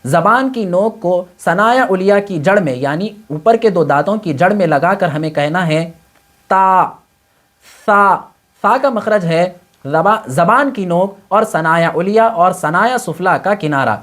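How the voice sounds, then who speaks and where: A man's voice: high-pitched, lively intonation. A man teaching Quran reading with tajweed, explaining patiently step by step and mixing English words into his talk. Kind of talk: tajweed lesson.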